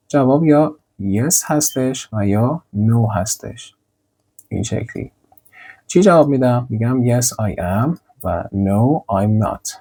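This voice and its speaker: A young male teacher with a husky, mellow voice walks learners through English drills. He says each model sentence slowly and deliberately, then repeats it. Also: mid-range voice. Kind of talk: grammar lesson with slides.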